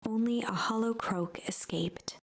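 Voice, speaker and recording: A woman voicing the storybook narrator of a game, in a measured telling manner. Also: a little high.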